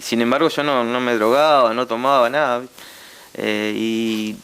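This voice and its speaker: A young Argentine man with a Rioplatense accent giving a heartfelt personal testimony as a guest, halting and full of repeated tag questions. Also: medium pitch, steady tone, a bit bright, clear, resonant tone.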